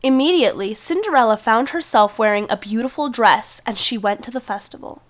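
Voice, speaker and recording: High-voiced woman telling a children's fairy tale. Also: fairly quick. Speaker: narrator. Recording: music behind the voice.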